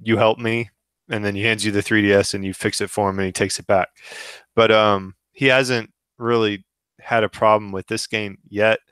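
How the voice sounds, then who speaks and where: A man in his thirties on a gaming podcast, talking casually with frequent pauses, restarts and fillers. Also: on the low side, smooth, dry recording. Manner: hesitant, many restarts and fillers, relaxed. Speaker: podcast co-host.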